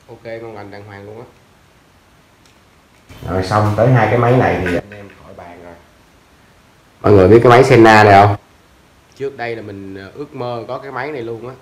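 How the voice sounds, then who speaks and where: A man's voice: fairly low pitch, a little fast, long pauses. A young man in a casual sales chat, loosely showing off used fishing reels and rods while sitting on a tiled floor, often calling out to the viewers. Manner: loose and chatty, fumbling for brand names, often calling out to viewers. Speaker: seller of used fishing gear. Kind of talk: casual sales talk to camera. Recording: echoey tiled room.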